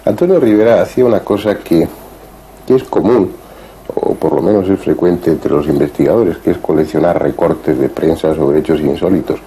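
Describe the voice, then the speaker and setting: A man hosting an interview, asking questions and narrating in a calm, thoughtful way. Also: sits low, normal speed, slight background noise, rough recording. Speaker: interviewer and host.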